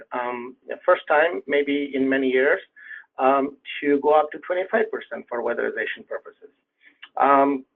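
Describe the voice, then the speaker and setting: Man presenting a webinar over a tinny phone line. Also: medium pitch. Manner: measured, frequent ums and uhs. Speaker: federal program presenter.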